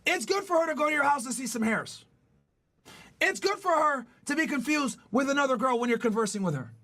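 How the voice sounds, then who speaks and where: A man's voice: very high-pitched, lively intonation, a little fast, sharp tone. Blunt, profane man lecturing over faint music. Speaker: podcast host. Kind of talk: podcast monologue giving dating advice.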